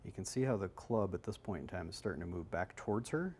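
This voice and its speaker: A man's voice: low voice, animated, quick pace, darkish tone, slight background noise. A man working as a golf instructor, explaining swings in a loose, conversational way on a live analysis show.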